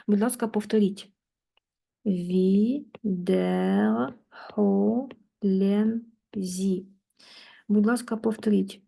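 A woman teaching German in a lesson, patiently working through exercises and repeating words slowly. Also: mid-range voice, fairly even intonation, warm tone. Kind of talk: online language lesson, explaining in Ukrainian.

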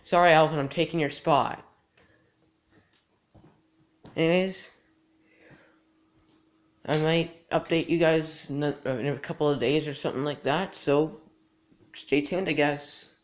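Teen male vlogger, slightly high voice, rambling and halting, sore post-surgery mouth that won't fully close. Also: fairly even intonation. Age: teens. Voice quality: slightly restricted mouth after dental surgery. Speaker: gaming channel host. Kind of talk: casual vlog chat to camera. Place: indoors in a house. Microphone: handheld device at arm's length.

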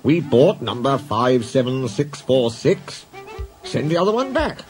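A man's voice: a little high, very animated, normal speed, a little mellow, faint music behind, pitched above the performer's own voice. Man doing the stern Fat Controller. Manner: clipped, firm and dry. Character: stern portly male railway boss, brisk.

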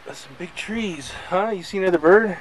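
This man's voice sits high and moves at a moderate pace as he films himself hiking a forest trail. Speaking into a handheld camcorder mic, he offers jokey commentary with playful mock-dramatic asides, and the outdoor recording is noisy.

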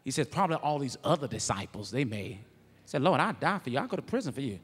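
A man preaching a sermon as pastor, moving from quiet, conversational asides to loud, shouted peaks. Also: mid-range voice, very animated, fast talker, breathy edge, in a large hall. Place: church sanctuary.

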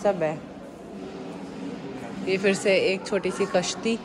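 A young travel vlogger with an Indian accent chats slowly and casually to her viewers on a walking tour, pointing out things in large indoor museum halls. Her mid-pitched voice comes through a phone held at arm's length, with steady noise from the busy museum in the background.

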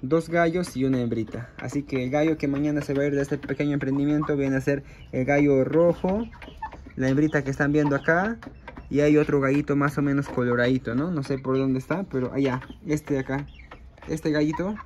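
In a brisk, medium-pitched voice with a darkish tone and fairly even intonation, a small-scale poultry farmer vlogs from his outdoor chicken coop. He chats to viewers as friends with many fillers while hens and roosters cluck faintly amid slight background noise.

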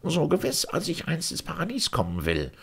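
A proud old grand vizier thunders his indignation in a raised, swooping voice, as a male reader acts him out. The tone is gravelly and husky beneath the outrage, in storybook style. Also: on the low side, sing-song, normal speed, pitched above the performer's own voice, heavily acted. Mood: outraged. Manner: loud, outraged declaiming.

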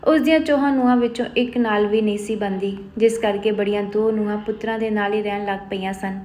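A woman narrating a story in a steady storytelling manner. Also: medium pitch.

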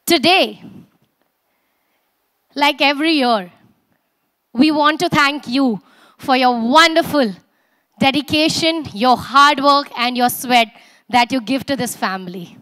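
A woman's voice: high voice, takes it slowly, pauses often, dry recording. A young woman with an Indian accent hosting a corporate event, projecting energetically to an audience as an emcee. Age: young adult. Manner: energetic, projected, rousing delivery. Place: large auditorium stage. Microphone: handheld and podium microphone.

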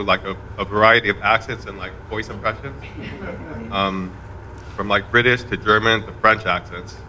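A man stands at a memorial in a college event room, reading a eulogy for his father. His voice sits low but rings bright and forward, and he keeps a steady, rather monotone pace. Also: a little hiss or hum, poor audio. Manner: fairly monotone, measured delivery. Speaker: son giving a eulogy.

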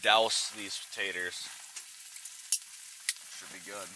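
Low-voiced young man in a noisy tent. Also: slow. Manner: excited, worn-out outdoorsman talking to camera. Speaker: fishing vlogger. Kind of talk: casual vlog narration. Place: inside a tipi hot tent in a forest. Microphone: handheld camera. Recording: noisy outdoor camera audio with sizzling pan.

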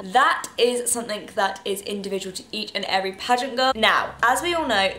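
A woman's voice: mid-range voice, fairly bright tone. Poised young English woman, echoey room. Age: late teens. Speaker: pageant titleholder and video host. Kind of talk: chatty talk to camera. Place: bedroom, indoors.

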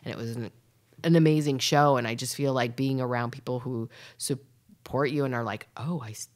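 Woman, Canadian accent, extremely low pitch, casual podcast chat, rambling. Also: steady tone, moderate pace, a little mellow. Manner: chatty, rambling, drops to a breathy whisper at times. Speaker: podcast guest, comedian.

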